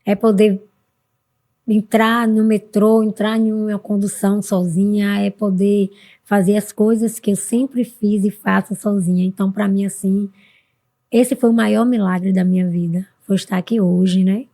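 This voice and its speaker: A middle-aged woman from Brazil, a guest on a podcast, talking earnestly and warmly about her life and her mother, sometimes jumping high in pitch when she quotes others. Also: level tone, unhurried. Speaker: podcast guest, mentor for women. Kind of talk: casual interview talk.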